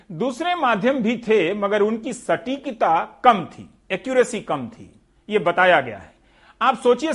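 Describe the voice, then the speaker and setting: High-voiced male news commentator, sarcastic. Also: fairly bright tone. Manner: sarcastic, rhetorical, addresses the viewer directly.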